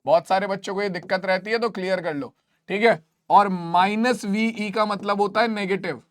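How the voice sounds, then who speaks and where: A man with a high voice teaches a math lesson. He repeats each point and asks his students questions to check they follow. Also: moderate pace.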